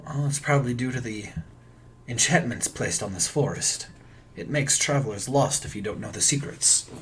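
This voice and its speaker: A man's voice: mid-range voice, moderate pace, slight background noise, voice pushed down, close to an everyday voice. A man voicing a wary, curious male forest elf who talks in a dry, questioning way.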